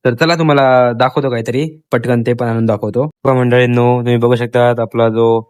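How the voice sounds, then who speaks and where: A man's voice: mid-range voice, flat delivery, moderate pace, a little mellow, clear, resonant tone. A young man with a Marathi accent, chatting casually to his viewers in a daily vlog. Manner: chatty, addresses viewers as friends. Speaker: vlogger.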